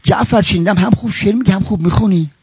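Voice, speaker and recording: Male preacher, mourning sermon, high voice, dry sound, impassioned, wide swings in tone. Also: a little mellow, slightly rough, no echo. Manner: impassioned, sweeping swings between high and low; swears oaths and quotes Arabic.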